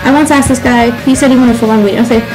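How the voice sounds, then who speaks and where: Female, late teens, fairly high-pitched. Exasperated comic ranter, sarcastic and foul-mouthed, acts out the people she complains about. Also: rapid-fire, music in the background, low-quality recording. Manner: sarcastic, exasperated, frequent swearing; animated, acts out customers' lines. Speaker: sandwich shop worker. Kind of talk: comedic rant to camera.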